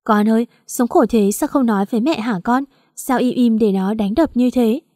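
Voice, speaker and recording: A woman's voice: fairly high pitch, moderate pace, warm tone, no echo, studio quality, lightly acted. A woman voicing a worried older village mother who scolds and pleads with her daughter. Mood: tearful.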